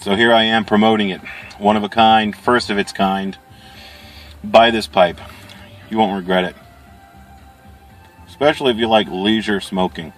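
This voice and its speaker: A man chatting casually as he reviews products on video, rambling along in an unhurried way with pauses. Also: lowish voice, fairly even intonation, soft background music. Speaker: pipe-smoking video reviewer.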